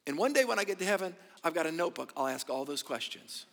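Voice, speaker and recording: A pastor preaching a sermon into a pulpit microphone, emphatic, firing rhetorical questions and calling on the congregation to answer back. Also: male voice, a little high, animated, fast talker, vocal fry, fairly bright tone. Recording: long church-hall reverb.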